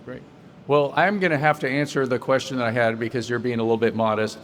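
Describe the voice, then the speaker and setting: A man's voice: medium pitch, fairly even intonation, fast, slight background noise. A man hosting a podcast interview at a solar conference, upbeat and joking, with promotional plugs. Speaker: podcast host. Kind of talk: casual interview.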